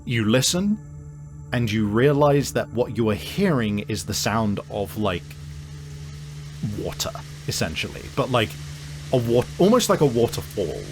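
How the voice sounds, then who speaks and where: This man narrates a tabletop roleplaying session as game master, speaking in a mid-range, sing-song voice at a measured pace. He makes it up as he goes, often groping for words, while music plays underneath.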